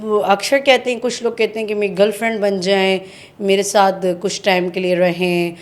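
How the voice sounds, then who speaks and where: A woman's voice: medium pitch, little pitch movement. A woman with a Pakistani accent, an actress giving a casual podcast interview, outspoken and laughing often, slipping English words into her speech. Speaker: actress guest.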